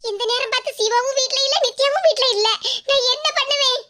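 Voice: very high voice, fast, pushed and bright. A voice actor playing a worried middle-aged cartoon wife and mother in Kanyakumari Tamil, who coaxes and frets aloud. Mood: fretting. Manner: coaxing, repeats pleas, frets aloud to herself. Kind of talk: cartoon comedy voice acting.

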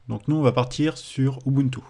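A man's voice: mid-range voice, steady tone, a little fast, gravelly, mellow. A man with a French accent, explaining a computing exercise in a screen-recorded tutorial, with hesitations and self-corrections. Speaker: teacher.

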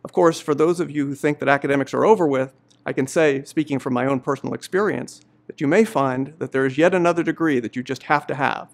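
A middle-aged man, a law professor, giving a measured, earnest commencement address on behalf of the faculty. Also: medium pitch, vocal fry. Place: indoor studio before a university banner.

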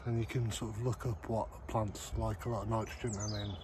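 A man's voice: fairly low pitch, level tone, brisk. Joking man vlogging in an allotment. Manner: rambling, joking, lots of ums. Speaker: gardening vlogger. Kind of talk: casual self-deprecating vlog. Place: outdoor allotment garden. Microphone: phone camera held close. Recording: outdoor noise behind the voice.

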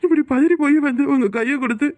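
A woman's voice: high voice, fast talker, a little mellow, lightly acted. A woman with a Kanyakumari Tamil accent voicing a caring, worried young man in a cartoon, pleading and reproachful.

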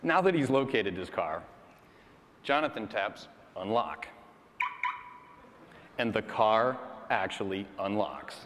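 A man narrating a product demo on a keynote stage in a lively, scripted way. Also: on the low side, slow pace, pauses often, crowd noise, noisy background. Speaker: guest presenter. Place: large conference hall stage. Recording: large hall with audience murmur.

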